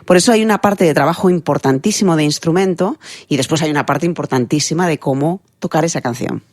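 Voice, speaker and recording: A woman voice expert from Spain, explaining her method in a lively, teacherly way during a remote interview. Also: sits low, fast, no echo, studio quality. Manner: didactic, lively, builds explanations with analogies. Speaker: guest voice expert.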